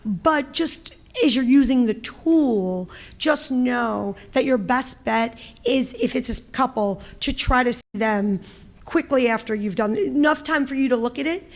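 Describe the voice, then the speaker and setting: Brief: loud, animated Brooklyn woman, middle-aged, presenter, slightly high voice. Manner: loud, animated, quick talker. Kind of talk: conference presentation and Q&A.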